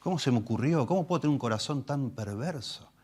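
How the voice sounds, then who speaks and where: A man's voice: mid-range voice, lively intonation, quick pace, darkish tone, slightly rough, pitched above the performer's own voice. A man voicing a self-pitying male thief in a cell, lamenting. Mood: mock remorse. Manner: whiny, lamenting.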